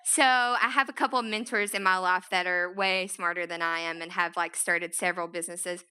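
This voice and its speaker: Bright, clear East Tennessee Appalachian woman. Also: fairly low pitch, fairly even intonation, brisk. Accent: East Tennessee Appalachian Southern. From East Tennessee, United States. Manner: chatty and self-deprecating, often saying "like". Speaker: nonprofit founder speaking to an audience. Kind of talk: informal, conversational public talk.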